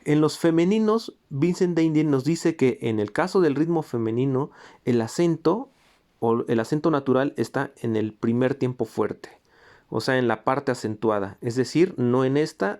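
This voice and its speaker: A man's voice: medium pitch, moderate pace, darkish tone. A man explaining music theory. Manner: explanatory, sings rhythm syllables to demonstrate; pointing to examples on a board. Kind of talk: recorded lecture.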